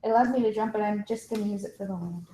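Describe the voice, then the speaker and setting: A woman's voice: medium pitch, very fast, mellow, slight background noise. A woman playing a tabletop game, eager and full of questions. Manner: eager, asks lots of questions. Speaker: player. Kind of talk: casual tabletop play. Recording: roomy echo.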